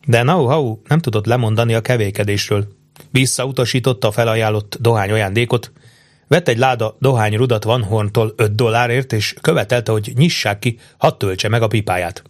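Low-voiced man reading a novel. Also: no echo. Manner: steady, measured reading of a novel. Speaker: audiobook narrator. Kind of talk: scripted narration.

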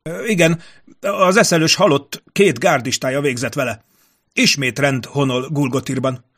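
A man's voice: fairly high pitch, a bit bright, husky, pitched above the performer's own voice. A man voicing a nervous, courtly male ambassador who stammers and fills his talk with hesitations. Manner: stammering, filler-laden, trembling.

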